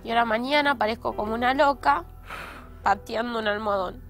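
A woman's voice: on the high side, a little fast. An Argentine woman in her twenties chatting emotionally and bluntly in casual slang, as a reality show contestant. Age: 20s. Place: backyard garden, outdoors. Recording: loud music behind the voice.

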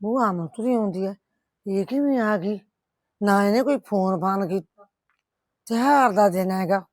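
In a rural family drama, a middle-aged actress voices a village mother who is firm yet caring, bluntly scolding and comforting her daughter. She speaks at normal speed in a medium-pitched, darkish voice close to an everyday one, and the recording is dry.

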